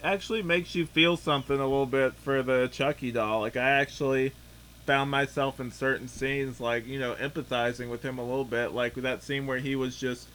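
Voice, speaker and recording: A man's voice: mid-range voice, fairly even intonation, moderate pace, a bit bright, slight background noise. A man chatting casually as he reviews a film, rambling and leaning heavily on filler words. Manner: rambling, filler-heavy, says "like" often. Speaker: podcast movie reviewer.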